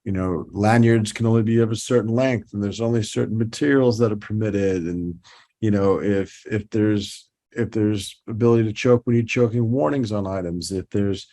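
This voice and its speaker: Lowish-voiced man with a New York accent. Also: fairly even intonation, normal speed, warm tone. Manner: rambling, many restarts and fillers. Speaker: toy designer guest. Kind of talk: casual podcast interview.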